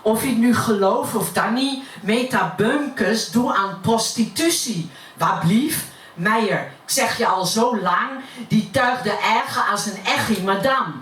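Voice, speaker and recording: A woman's voice: fairly high pitch, measured pace, fairly bright tone. A woman reciting dialect poetry as a brash, cheeky working-class woman with a broad Utrecht Dutch accent. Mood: gossipy, indignant. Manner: earthy, colloquial, cheeky. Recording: roomy, distant mic, faint noise.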